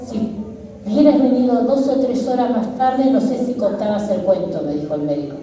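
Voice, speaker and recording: A woman's voice: a little high, mellow, a little hiss or hum. A middle-aged woman pastor, preaching a fervent sermon full of repetition. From Argentina. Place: church hall. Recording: echoey church hall from far off.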